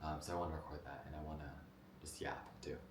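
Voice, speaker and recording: A young man from New Jersey talks into a camera in a loose, rambling way, full of fillers and restarts. His voice sits very low. The room rings with echo, and a faint hiss lies underneath. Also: flat delivery, fast. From New Jersey, United States. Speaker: vlogger. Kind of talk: casual talk to camera about his life. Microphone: camera mic.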